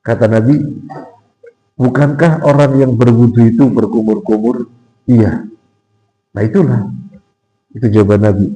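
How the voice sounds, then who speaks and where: A man in a mosque giving a casual sermon as an ustadz, teasing the audience with questions and acting out quoted voices in a strained, raised pitch. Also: fairly even intonation, measured pace, pauses often, dark tone, low-quality recording. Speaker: ustadz giving a pre-Ramadan study talk. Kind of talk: informal sermon.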